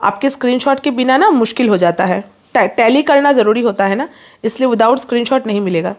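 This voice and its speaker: High-voiced woman rattling off a sales pitch. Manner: rapid, pushy sales patter, mixing English in. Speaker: online saree seller. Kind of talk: live sales stream.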